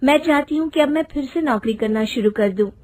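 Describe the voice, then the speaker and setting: A woman's voice: sits high, brisk, a little mellow, pitched above the performer's own voice, close to an everyday voice. A woman voicing a polite, hesitant young daughter-in-law in a storybook.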